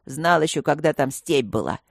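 An ancient male dragon, as a woman reader puts him on, amused and mocking, with slow, heavy speech dropped well below her own pitch. The sound is dry and close, with a dark, low tone throughout this audiobook figure. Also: animated, vocal fry, dry recording, full character voice. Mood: amused, sly. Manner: slow, booming, lower voice.

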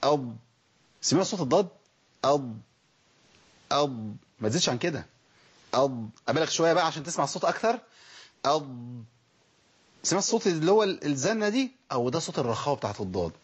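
A fairly high-pitched man with an Egyptian Arabic accent races through a spoken Quran recitation lesson in a sing-song voice with a breathy edge. He asks rhetorical questions and sounds out letters, all captured in dull, lo-fi sound.

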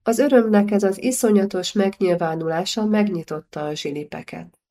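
A woman narrating a historical novel audiobook in a steady, measured reading. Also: medium pitch.

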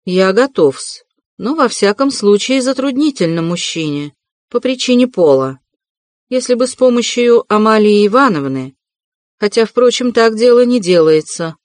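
Woman playing a pompous, prim gentleman. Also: on the high side, animated, moderate pace, no room sound, voice pushed up, close to an everyday voice. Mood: flustered. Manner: stiff, formal, flustered. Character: pompous, prim middle-aged man. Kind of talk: audiobook reading.

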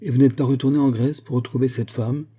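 Brief: a man voicing an agitated young aristocrat, pressing questions in a husky, dark voice. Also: fairly low pitch, a little fast. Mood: indignant surprise. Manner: troubled, insistent questioning. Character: rich young English lord, moved and jealous.

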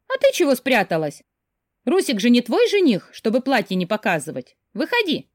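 A woman reading an audiobook, voicing a nosy, insistent older sister with a loud, pushy manner. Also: a little high, huge pitch swings, moderate pace, no room sound, clean studio sound, voice pushed up. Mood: bossy.

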